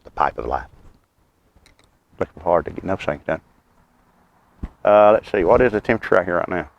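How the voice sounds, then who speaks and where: A middle-aged man with a Southern US accent and a deep voice full of gravelly creak. He rambles along in an easygoing, folksy way with dry humor, talking as he puffs on a pipe. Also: animated, muffled recording. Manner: folksy, unhurried, wry humor; talks while puffing on a pipe. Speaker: host of a homestead and birdwatching channel. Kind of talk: rambling casual vlog chat. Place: outdoors.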